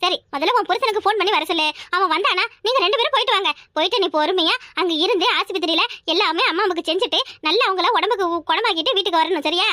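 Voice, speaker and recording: A woman's voice: very high-pitched, quick pace, hardly any pauses, sharp tone, no room sound, clean studio sound. A woman voicing a bossy but generous older mother-in-law in a cartoon, scolding and giving orders. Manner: scolding, commanding. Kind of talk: cartoon voice acting.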